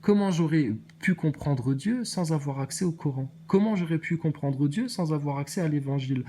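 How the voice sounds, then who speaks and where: A man's voice: on the high side, moderate pace, dark tone, slight background noise. A man giving a ranting monologue to his commenters, combative and preachy with a sarcastic edge. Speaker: video maker answering viewer comments.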